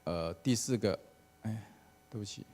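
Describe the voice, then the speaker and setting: A man's voice: lowish voice, unhurried, darkish tone, breathy edge. A man, a church elder giving a casual sermon with an anecdote at a prayer meeting. He talks conversationally and often starts phrases with "好" and "哦".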